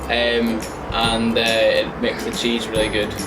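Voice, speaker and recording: A nineteen-year-old man with a Northern Irish accent, chatting casually in a relaxed way on a vlog. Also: medium pitch, takes it slowly, recorded from a distance. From Northern Ireland, County Antrim. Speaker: student, co-host. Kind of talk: casual chat. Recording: off-mic, music behind.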